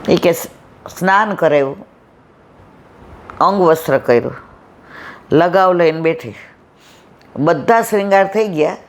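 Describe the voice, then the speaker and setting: A satsang speaker, telling devotional stories and repeating phrases that trail off low and soft. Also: unhurried, pauses often. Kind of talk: devotional storytelling talk.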